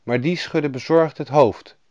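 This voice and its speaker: A man narrating a fairy tale in a lively storybook manner, doing the characters' voices himself. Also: a little high, measured pace, no room sound. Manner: lively storybook reading, voicing each character. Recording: dull lo-fi dry recording.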